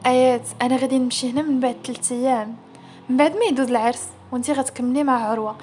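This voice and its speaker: A woman's voice: high voice, steady tone, very fast, darkish tone, slight background noise, natural voice. Woman voicing a caring Moroccan adviser. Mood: urging.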